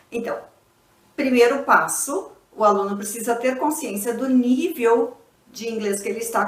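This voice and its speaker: A native Portuguese-speaking woman explains English in a video lesson, patiently and didactically, often checking in with tag questions. Her voice is a little high, and the mic is distant in a noticeably echoey room.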